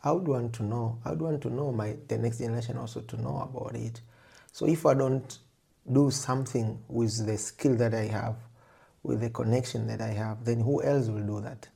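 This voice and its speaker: A man with a Tanzanian accent, a photographer and filmmaker, answers interview questions as a guest, speaking conversationally and reflectively and often rephrasing as he explains. His mid-range voice is steady, mellow and unhurried at a normal speed, with vocal fry and a breathy edge.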